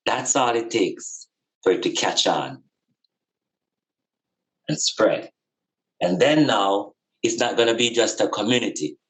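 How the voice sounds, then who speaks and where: Slow and prone to frequent pauses, this man's voice is on the low side yet fairly bright in tone, on a rough recording. Appearing as a podcast guest on spirituality and community, he reflects casually and emphatically on life, sincerely repeating phrases for emphasis.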